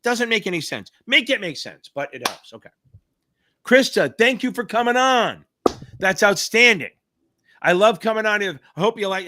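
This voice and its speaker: A middle-aged man hosts a live question-and-answer stream, calling out viewers by name. He hypes them up with swear words and shouted cheers. His voice sits fairly high and sounds bright and forceful. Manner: hyped, profane, shouty cheers. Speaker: livestream host and exam tutor. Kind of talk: live Q&A chat.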